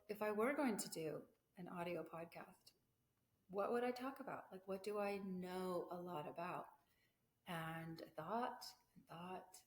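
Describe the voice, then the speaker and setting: A woman hosting her own podcast in a candid, reflective way, her voice sounding metallic like in a tin can from the room's echo. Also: on the low side. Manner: reflective, candid, with fillers and self-asides. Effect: metallic tin-can sound from room echo. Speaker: podcast host. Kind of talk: casual solo podcast talk. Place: living room with vaulted ceiling. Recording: echoey tin-can sound in vaulted living room.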